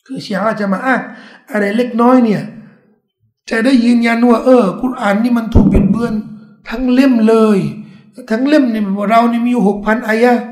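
A man's voice: very high-pitched, steady tone, normal speed, a little mellow. A man giving a religious lecture, explaining at length with emphatic rises in his voice. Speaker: religious teacher. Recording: echoey room.

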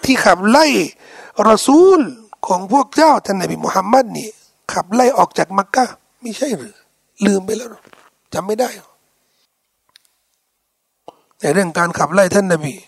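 Male preacher, storytelling lecture, gravelly and highly expressive, dry close sound. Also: moderate pace, long pauses, no room sound. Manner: animated, colloquial, rhetorical questions to the audience. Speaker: Islamic preacher.

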